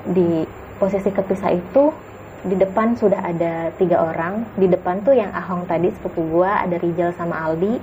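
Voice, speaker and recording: Female guest storyteller, warm mellow voice, hushed spooky delivery. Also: on the low side, moderate pace, a little hiss or hum, rough recording. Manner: hushed, suspenseful retelling with acted quotes. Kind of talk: casual story of a spooky hike.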